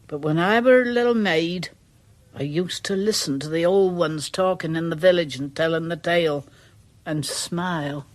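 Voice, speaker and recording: With a low voice and a rural English accent, an actress portrays a deferential, superstitious charwoman from a village in a radio drama. Her speech comes out halting and folksy.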